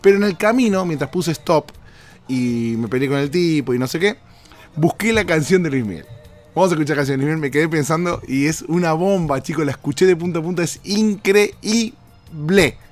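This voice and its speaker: A man with an Argentine accent hosting a podcast from a hotel room, hoarse and rambling playfully as he talks straight to his listeners. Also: on the high side, lively intonation, fairly quick, soft background music. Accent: Argentine Spanish. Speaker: podcast host. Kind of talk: casual comedic monologue.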